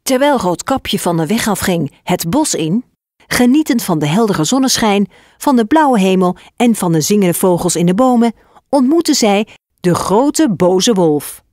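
Woman, storybook narrator, animated lively reading, dry close recording. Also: medium pitch, moderate pace, no room sound.

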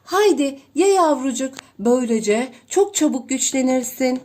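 A woman voicing a kind-hearted man in a storybook, gently coaxing a duckling to eat. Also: high voice, lively intonation, measured pace. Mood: caring. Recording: roomy echo.

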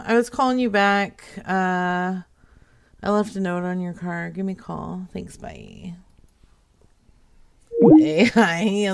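A woman's voice: mid-range voice, vocal fry, clean tone. A young woman hosting a live prank call show, talking casually and bluntly with giggles. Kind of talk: live-streamed prank calls.

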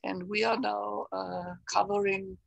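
An older woman with an Austrian German accent, speaking English on a video call, reflective and halting, with many fillers. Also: mid-range voice, flat delivery, gravelly, dry recording, rough recording. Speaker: interview guest, salon organizer. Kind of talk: casual conversation on a video call. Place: bright room at home. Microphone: webcam on a video call.

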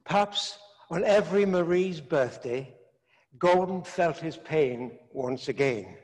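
An older man, a priest, preaching a sermon in slow, measured phrases with long pauses, recorded in a large stone church. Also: on the high side, animated, darkish tone. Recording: echoey church from a distance.

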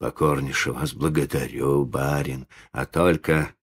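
Man as an old organ-grinder, low, quiet, humble dignity, audiobook. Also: steady tone, breathy edge, exaggerated voice. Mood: dignified weary. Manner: slow, quiet, respectful.

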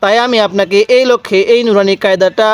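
A man teaching Quran reading, slowly repeating letter and syllable drills for learners. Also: high voice, steady tone, smooth. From Bangladesh. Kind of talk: recitation lesson.

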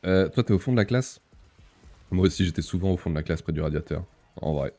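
A man's voice: low voice, fast talker, mellow. A young man chatting casually on a live stream, reading the chat aloud, laughing often and using many fillers.

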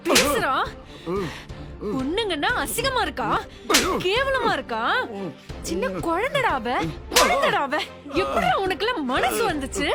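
A woman's voice: very high-pitched, sing-song, slow, pauses often, loud music behind the voice, heavily acted. An actress playing a fierce young woman who confronts a man and protects a girl, in a short-film drama. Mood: indignant.

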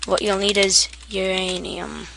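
A woman walks through a video game setup in a loose, half-asleep way. Her voice is bright with a gravelly edge, and she trips over words and laughs off her own mistakes. Keyboard typing sits behind her. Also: medium pitch, flat delivery, measured pace, a little hiss or hum. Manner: sleepy, rambling, self-deprecating. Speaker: gaming tutorial maker. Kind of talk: casual game tutorial.

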